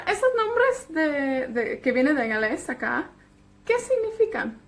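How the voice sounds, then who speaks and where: Female Welsh-native tutor, high and unhurried, patient beginner-class manner. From Wales. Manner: patient, repeats words slowly with check-ins. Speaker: Welsh teacher. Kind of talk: beginner language lesson.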